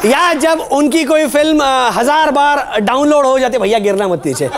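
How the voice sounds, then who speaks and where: Hosting a satirical news comedy program, a man with a very high voice and lively intonation pokes fun at the news at a moderate pace, laughing at his own gags. The setting is noisy, with crowd sounds, loud studio audience laughter, and music.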